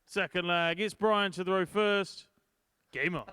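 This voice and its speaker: A man working as a darts referee, calling scores in a drawn-out, ceremonial bingo-caller style with stretched, swooping numbers. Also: high-pitched, bright, forceful tone, clean tone, no echo, clean studio sound.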